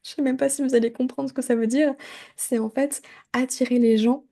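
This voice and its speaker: A middle-aged woman hosting a solo podcast, talking in a chatty, animated way full of asides and fillers. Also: high voice, brisk. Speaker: podcast host. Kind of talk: casual solo podcast talk.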